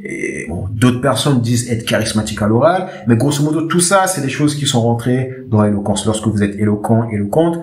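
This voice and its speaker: A man's voice: medium pitch, a little fast, few pauses. Man coaching listeners in a roomy space. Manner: lively, repetitive, direct address to listeners. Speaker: eloquence coach, podcast host. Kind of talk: casual instructional talk. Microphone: podcast microphone.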